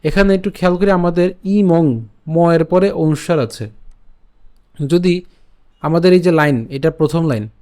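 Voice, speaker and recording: A man teaching Sanskrit verse pronunciation, chanting each line slowly and then explaining quickly. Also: a little high, darkish tone. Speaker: Gita recitation teacher. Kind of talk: slow syllable-by-syllable recitation lesson.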